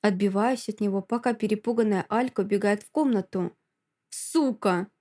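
A woman narrating a first-person story in an expressive audiobook reading. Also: medium pitch, brisk.

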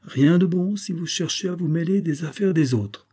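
A man voicing a gruff, nervous lodging keeper who protests bluntly. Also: fairly high pitch, moderate pace, dark tone, pitched above the performer's own voice. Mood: vehement.

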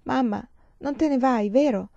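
A woman's voice: sits high, measured pace, creaky, mellow, no echo, lo-fi sound, pitched above the performer's own voice. A woman reading an audiobook, voicing a feverish, delirious little girl with a plaintive, wavering voice.

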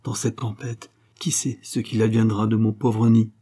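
A man voicing an anxious young male clerk who speaks low and murmuring in an audiobook. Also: flat delivery, normal speed, mellow, close to an everyday voice. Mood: sorrowful.

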